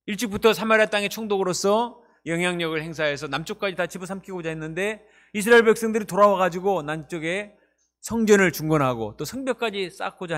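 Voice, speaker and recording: A man's voice: high-pitched, fairly bright tone. A male pastor preaching a sermon in an emphatic style, with frequent rhetorical questions.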